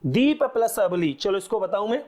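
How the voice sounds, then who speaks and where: A man's voice: sits high, expressive, moderate pace, a little mellow. A male teacher giving a classroom lecture, asking the class short questions and answering them himself.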